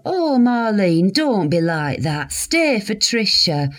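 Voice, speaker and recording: A patronising female care worker, put on by a woman telling the story coos in a raised, stretched-out sing-song voice. The stays, and every line sounds like soothing a child. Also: big pitch swings. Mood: coaxing. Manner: coaxing, drawn-out, high and patronising.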